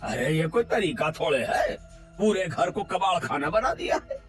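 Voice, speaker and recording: A man voicing an angry, gruff shopkeeper husband in a cartoon. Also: high voice, sing-song, normal speed, fairly bright tone, soft background music. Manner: gruff, scolding.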